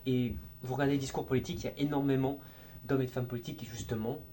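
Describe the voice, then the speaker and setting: A man explaining public speaking tips in a casual explainer video, lively and informal, sometimes slipping into crude slang and demonstrating different tones as he goes. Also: medium pitch, very fast, a little hiss or hum.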